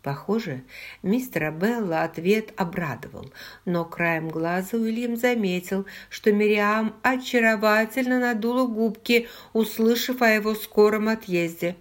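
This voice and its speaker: A woman narrating a novel as an audiobook in an even storytelling delivery. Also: medium pitch, measured pace. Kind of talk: scripted narration.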